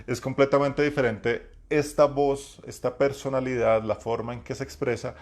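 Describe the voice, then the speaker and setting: A man with a deep voice, hosting a live talk and giving game-master advice in a reflective way, with many fillers and restarts. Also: little pitch movement, normal speed. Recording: lower-quality live stream.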